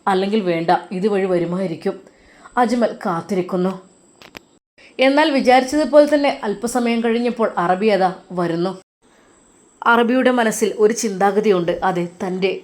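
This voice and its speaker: A woman narrates a dramatic moral story with emotive, earnest storytelling. Her pitch sits in the middle of the usual range for women. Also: darkish tone.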